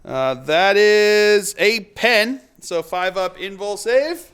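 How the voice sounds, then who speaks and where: Excitable high-voiced man calling dice rolls. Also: takes it slowly, smooth. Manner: excitable, laughs often, bursts into whoops. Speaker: host and player. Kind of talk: casual tabletop game play-by-play.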